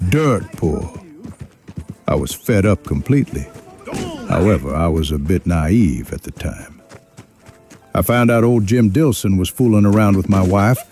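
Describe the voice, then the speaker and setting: A man playing a rueful young outlaw drifter, narrating his rough life in a wry, folksy drawl with a gravelly voice. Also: low voice, dark tone, exaggerated voice. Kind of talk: scripted first-person western narration.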